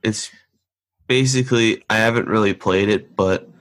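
A man's voice: on the low side, normal speed, fairly bright tone. A young man co-hosting a podcast, explaining a game's premise in an easygoing way with some restarts. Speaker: podcast co-host. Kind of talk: casual game review chat.

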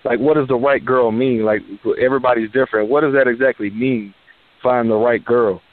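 A man's voice: medium pitch, fairly even intonation, fairly quick, dry recording. A man calling in to a radio show over the phone, asking questions and saying "like" a lot. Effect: phone line on a radio show. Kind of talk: casual call-in chat. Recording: tinny phone line on the radio.

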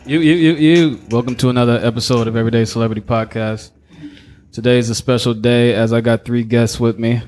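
A man's voice: medium pitch, steady tone, a little fast, a little mellow, faint music behind. A man hosting a casual podcast, asking loose questions with plenty of fillers. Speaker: podcast host.

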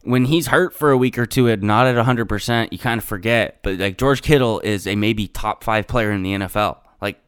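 A man's voice: on the low side, a little fast, few pauses, clean tone, dry recording, studio quality. A man hosting a sports podcast, recapping games in an informal, slangy way.

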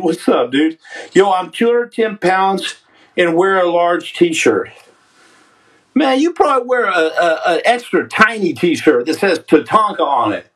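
A man with a high voice hosts a loose, casual livestream, reading out the viewers' comments. He ribs the audience and calls people son. His voice sits a little back from the mic. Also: distant mic, rough recording. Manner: joking, trash-talking, calls people son. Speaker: podcast host reading live chat.

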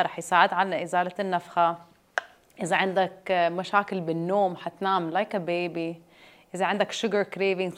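Woman, Jordanian Arabic accent, English phrases mixed in, casual interview talk, candid, self-assured, mid-range pitch. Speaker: interview guest, detox juice business owner. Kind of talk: casual conversational interview answers.

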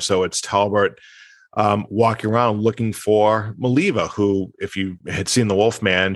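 A man's voice: on the low side, a bit bright, no echo. A man co-hosting a film podcast, casually recapping the plot scene by scene. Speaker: podcast co-host.

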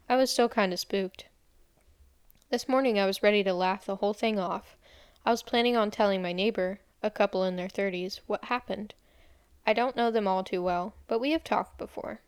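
A woman's voice: medium pitch, smooth, no room sound, studio quality. A young woman co-hosting a podcast, chatting casually and reading creepy stories aloud with occasional giggles. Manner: giggly, reads in a plain storytelling voice.

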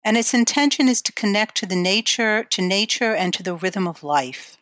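A woman giving guided imagery exercises in a calm, measured, instructional way. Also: mid-range voice, dry recording, clean studio sound.

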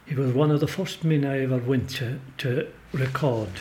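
A man's voice: mid-range voice, steady tone, moderate pace, darkish tone, slight background noise. An older Irish man with a Kerry accent, telling rambling, emphatic anecdotes as an interview guest in the back of a pub. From Ireland. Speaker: storyteller and folklorist guest. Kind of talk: relaxed conversational storytelling.

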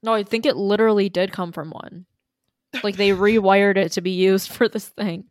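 A woman's voice: medium pitch, fairly even intonation, moderate pace, no echo. A young woman co-hosting a podcast, chatting in a giggly, offhand way. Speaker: podcast co-host. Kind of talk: casual chat.

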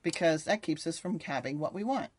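Low-voiced woman coaching on mindset. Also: lively intonation, brisk, darkish tone, breathy edge, no room sound. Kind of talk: casual podcast conversation.

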